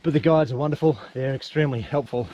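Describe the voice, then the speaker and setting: A travel vlogger narrates a casual tour, mostly outdoors, in a wry, understated but appreciative way. His voice is medium-pitched, quick and dark-toned, and the audio is dull. It's a handheld outdoor recording with ambient noise.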